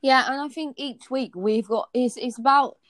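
A woman's voice: high-pitched, normal speed, fairly bright tone, no echo, clean studio sound. A young woman, co-hosting a podcast in casual, candid chat full of "like". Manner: chatty, fillers like "like", candid. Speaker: podcast co-host.

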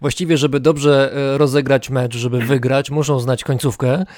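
A man's voice: mid-range voice, little pitch movement, normal speed, a little mellow, dry recording, clean studio sound. A man interviewing a guest, asking questions and thinking aloud.

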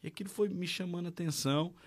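A man's voice: high voice, racing. Brazilian man telling his story. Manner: lively storyteller acting out dialogue. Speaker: guest. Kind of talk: casual testimony.

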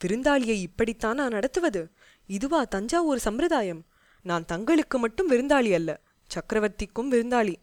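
A woman voicing a bold young male warrior envoy who speaks in rapid, defiant outbursts. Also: mid-range voice, expressive, darkish tone, no echo, clean studio sound, close to an everyday voice. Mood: indignant.

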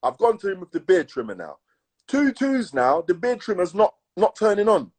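A man with a London roadman accent telling stories in casual, slangy chat, emphatic and repetitive, with a husky voice. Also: high-pitched, big pitch swings, moderate pace. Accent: London urban, roadman. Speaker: podcast co-host.

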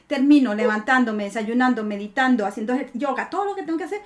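A woman talks as a guest in an interview. Her voice sits high, and she speaks in an animated, playful way, breaking into little acted-out exchanges with herself. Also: fast. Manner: animated, playful, acts out inner dialogues. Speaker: guest artist. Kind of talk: conversational interview.

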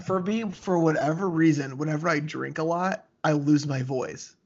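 A man of twenty-five chatting casually as a podcast co-host, his voice hoarse, with a smoker's rasp and prone to cracking. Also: a little high, normal speed, muffled recording. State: hoarse from a lost voice. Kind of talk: casual chat.

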